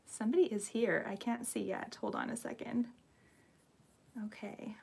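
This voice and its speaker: A woman's voice: fairly high pitch, fairly even intonation, moderate pace, vocal fry, a little mellow, husky. A young woman hosting a live Q&A from home on her phone, nervous and giggly as she greets viewers by name. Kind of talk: casual live-stream chat.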